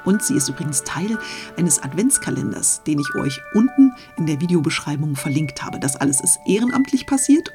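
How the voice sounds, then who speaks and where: A woman with a notably low voice greets her listeners warmly and cheerfully. Clear background music plays under her words throughout. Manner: cheerful, welcoming address to listeners. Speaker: channel host. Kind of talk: friendly video intro.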